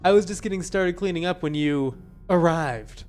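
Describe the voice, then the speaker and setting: A man doing a sinister, grinning game innkeeper, lisping, odd word stress, higher voice. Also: normal speed, a little mellow, faint music behind, close to an everyday voice. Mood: creepy polite. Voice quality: claims a lisp, stresses words oddly. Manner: overly polite, sinister. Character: creepy grinning male innkeeper, suspiciously cheerful.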